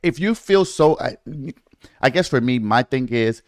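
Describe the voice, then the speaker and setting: A man's voice: medium pitch, expressive, a little slow, no room sound, studio quality. A man hosting a casual true-crime podcast, blunt and opinionated, acting out quotes in his speech. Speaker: podcast host.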